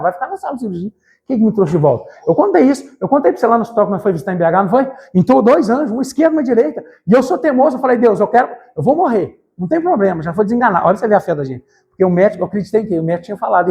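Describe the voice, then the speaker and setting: A male evangelical preacher, speaking in a high voice at a rapid clip. He talks straight to the congregation with fervent emphasis and climbs into shouts. The sermon is delivered in a church.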